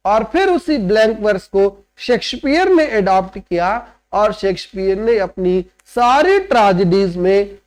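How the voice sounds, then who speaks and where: A male literature teacher with a strikingly high voice delivers a classroom lecture. He explains each point step by step and mixes English terms into his explanations. He keeps pausing to check that his students are following. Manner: explains step by step, often checks understanding with "right?".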